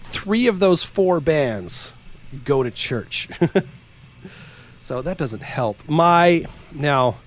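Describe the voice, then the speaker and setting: A man co-hosting a podcast, playing a casual song-guessing game and teasing his friend, with frequent laughter and slow dramatic lyric readings. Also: on the high side, animated. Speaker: podcast co-host.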